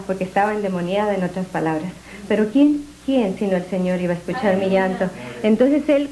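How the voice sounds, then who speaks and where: A woman giving an emotional religious testimony at church, earnest and halting, often restarting her sentences. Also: mid-range voice, mellow, rough recording.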